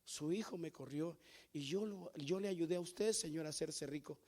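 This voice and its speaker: Brief: an aggrieved mine foreman, put on by a preacher, soft and deferential. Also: fairly high pitch, moderate pace, lightly acted. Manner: complaining, respectful. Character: aggrieved older male mine supervisor.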